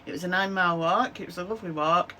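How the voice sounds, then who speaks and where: In a close-framed vlog from her little craft room, a hoarse Lancashire woman in her fifties chats away rapid-fire, coughing chestily and padding with "um, so yeah." Her pitch is on the low side and her tone sharp, with slight background noise.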